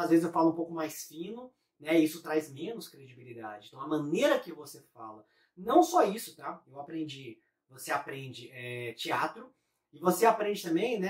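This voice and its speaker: A man's voice: sits high, a bit bright. A Brazilian man giving a casual online lesson as a business coach, chatty and forever tagging his phrases with a question. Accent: Brazilian Portuguese. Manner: chatty, ends most phrases with a tag question. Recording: roomy sound, mic at a distance.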